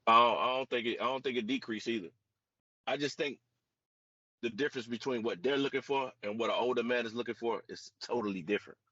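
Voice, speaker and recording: A man with a bright, forceful voice makes his points bluntly, swearing for emphasis. The sound is dry and lo-fi. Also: medium pitch, fast, no room sound. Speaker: podcast co-host. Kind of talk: casual podcast discussion. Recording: dry lo-fi audio.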